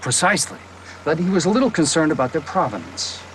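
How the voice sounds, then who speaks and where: A chuckling American dealer. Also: male voice, fairly high pitch, big pitch swings, fast, fairly bright tone, a little hiss or hum. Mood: genial. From United States. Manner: affable, chuckling, expansive. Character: genial American male manuscripts dealer, jazz lover. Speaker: American antiques and manuscripts dealer.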